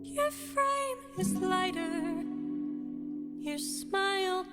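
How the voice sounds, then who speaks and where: A woman singing the role of a wary, long-waiting queen in soaring falsetto. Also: animated, extremely slow, loud music behind the voice, heavily acted. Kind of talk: sung musical number. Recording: loud musical backing.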